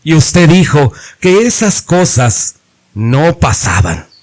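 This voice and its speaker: A blunt, fearful young hunter's apprentice, as a male narrator puts him on. He gives slow, ominous warnings. His voice sits fairly high and his pitch swings widely. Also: very animated.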